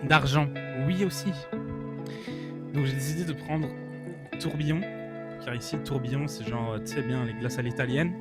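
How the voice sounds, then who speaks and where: A man's voice: medium pitch, fairly even intonation, normal speed, pauses often. A man chatting casually as a vlogger, informal and mock-earnest as he gives his opinions. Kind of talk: casual vlog chat. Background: faint guitar music.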